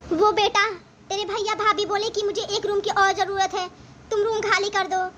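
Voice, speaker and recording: A woman voicing a frail, meek old mother-in-law in a cartoon family drama, pleading in a high, bright voice. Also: little pitch movement, normal speed, slight background noise. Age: over 60 (figure). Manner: pleading, tearful.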